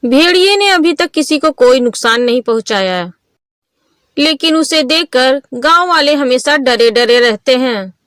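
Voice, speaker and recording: A woman narrating a cartoon moral story in an even, storytelling manner. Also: sits high, unhurried, clear, resonant tone, no room sound, studio quality.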